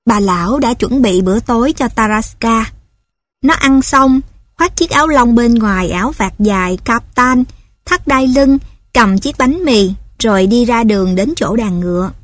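Woman narrating a story, fairly high. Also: animated, measured pace, no room sound.

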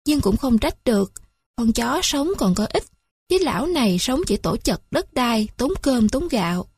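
A woman's voice: fairly high pitch, lively intonation, moderate pace, darkish tone, breathy edge, no echo. A woman playing a forlorn old wanderer. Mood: bitter. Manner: self-pitying, rambling lament. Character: old man, rootless, drunk, bitter and forlorn.

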